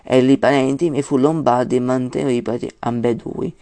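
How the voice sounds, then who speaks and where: A man's voice: medium pitch, fairly even intonation, dry recording, lightly acted. Man reciting a solemn ancient poet's ghost. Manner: slow, loud, declaiming verse.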